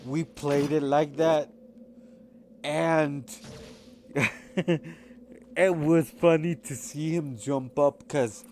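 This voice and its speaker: A man's voice: a little high, a little mellow, slight background noise. A man casually telling rambling personal stories while commenting over gameplay, with lots of fillers and restarts. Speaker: gaming channel host.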